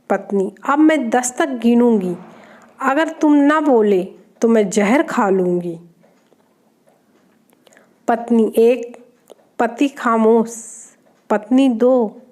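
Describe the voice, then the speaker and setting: Slow, high-voiced woman reading jokes. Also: lively intonation, a little mellow. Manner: names each speaker before their line. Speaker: joke reader. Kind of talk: reading short jokes aloud.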